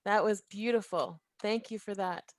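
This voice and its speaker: A woman's voice: mid-range voice, normal speed, dry recording. A woman hosting an online social on a video call, cheerfully calling on guests and teasing them. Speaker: event host.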